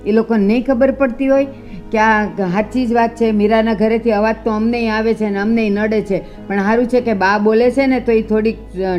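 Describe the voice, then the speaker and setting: A woman's voice: fairly high pitch, a little mellow, lightly acted. An actress playing a stubborn older woman who scolds and defends her quarrel with a neighbour. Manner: stern, scolding.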